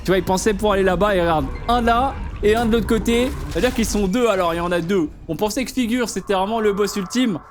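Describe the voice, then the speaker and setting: A man's voice: high-pitched, fast, few pauses, soft background music. A man giving casual commentary on a game, explaining things to the viewer in informal, slangy language. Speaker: gaming video host.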